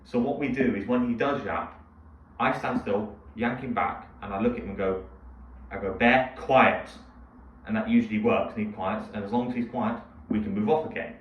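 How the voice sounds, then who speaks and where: A young man co-hosting a podcast, chatting casually and rambling through stories with laughs. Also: fairly low pitch. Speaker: podcast co-host. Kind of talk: casual chat. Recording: echoey, distant, dull sound with faint hiss.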